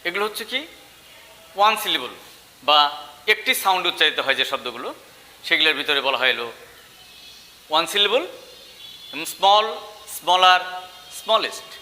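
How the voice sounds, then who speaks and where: A male English teacher with a Bengali accent gives an online grammar lecture, slowly spelling out each word form. His voice sits high and rings very bright. A long reverb trails his words, as if he were recorded in a hall. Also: expressive, a little hiss or hum. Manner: slow, deliberate, spells out word forms one by one.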